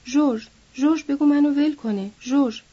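A woman's voice: high-pitched, animated, warm tone, breathy edge, highs cut off. A woman voicing a huge, simple-minded, frightened man in a read-aloud story, pleading and helpless. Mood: terrified.

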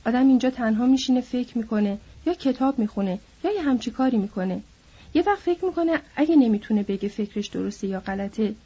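A woman's voice: on the high side, warm tone, husky, lo-fi sound. A woman voicing a bitter, lonely older male stable hand who needles and then broods, in an audiobook.

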